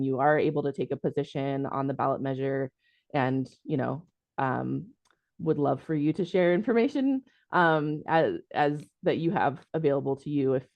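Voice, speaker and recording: Presenting in an online meeting, a city housing staff member speaks in a deep, bass voice with casual, hedging delivery and many ums. The audio is dull and has no room sound.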